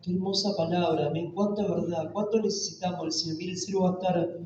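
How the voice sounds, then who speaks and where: A man leading worship in a church, praising the sermon and speaking haltingly. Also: high voice, steady tone, darkish tone, a little hiss or hum. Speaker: worship leader. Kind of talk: church service announcement. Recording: dull, echoey church hall from far off.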